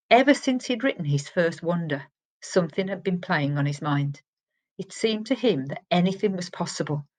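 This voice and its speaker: A teacher with a voice on the low side reads a chapter of a children's novel aloud, telling the story expressively and dropping to a hush at tense moments.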